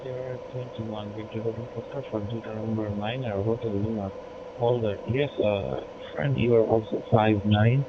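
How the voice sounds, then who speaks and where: A man from Bangladesh making a polite, halting amateur radio contact with call signs over a crackly transmission. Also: on the low side, steady tone. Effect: crackly digital ham radio transmission. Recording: tinny, noisy narrowband radio link.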